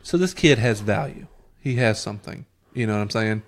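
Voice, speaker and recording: A man's voice: lowish voice, lively intonation, brisk. A man co-hosting a podcast, ranting about a TV episode in casual chat with exasperated sarcasm. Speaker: podcast co-host.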